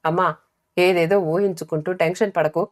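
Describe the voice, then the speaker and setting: A woman playing a young married elder sister in a storybook, brisk and direct. She keeps her lowish voice steady and calm as she settles her family. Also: no echo, studio quality, close to an everyday voice.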